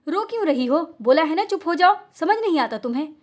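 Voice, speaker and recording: Woman doing a sneering, falsely tender husband, high voice, storybook reading. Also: animated, a little fast. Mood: angry. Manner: taunting, falsely tender, flares into shouting. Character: cruel, mocking young husband who enjoys her pain.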